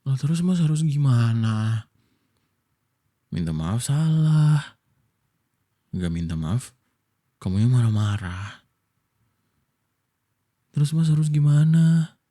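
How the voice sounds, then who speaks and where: A man from Indonesia doing a whispered boyfriend role-play, soft and coaxing as he soothes his partner. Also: mid-range voice, sing-song, slow, pauses often. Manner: soft, coaxing, affectionate toward listener.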